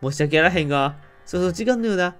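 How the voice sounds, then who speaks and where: A man voicing the spirit of a murdered man from Kansai, speaking through someone else's body in an exaggerated, slow, low fake Kansai dialect. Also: expressive, faint music behind. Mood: solemn. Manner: slow, low, theatrical spirit-medium delivery.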